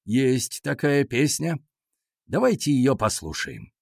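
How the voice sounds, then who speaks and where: A man voicing a stern, flustered older male teacher in a children's audiobook, low and gruff. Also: very animated, slow pace, no echo, clean studio sound, heavily acted. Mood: calm. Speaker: school nature club teacher.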